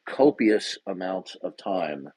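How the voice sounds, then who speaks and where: Man, debate host, rough-edged voice, very animated pitch, insistent, combative, repetitive demands. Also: slow. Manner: confrontational, insistent, repeats demands. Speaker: host of an online debate room. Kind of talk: argumentative live debate.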